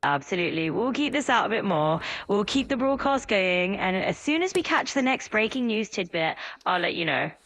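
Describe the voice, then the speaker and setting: A woman's voice: medium pitch, sing-song, normal speed, hardly any pauses, fairly bright tone, a little hiss or hum. A woman's voice, an AI assistant, answering in an upbeat, agreeable, eager-to-please way with frequent light laughs. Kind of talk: chatty conversational replies.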